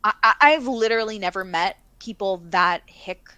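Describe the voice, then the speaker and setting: A Canadian woman in her thirties, speaking with a Canadian accent, co-hosts a missing-persons livestream in casual, talkative chat full of fillers and laughter. Her medium-pitched voice moves at a moderate pace and sounds pushed, bright, clear, and resonant.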